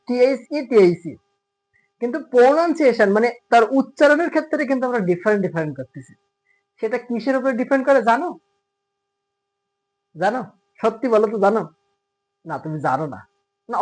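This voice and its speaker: A man teaching English grammar in Bengali, explaining patiently and asking his students rhetorical questions. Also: very high voice. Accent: Khulna Bengali. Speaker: English tutor. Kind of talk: classroom grammar lesson. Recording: tinny phone-like audio.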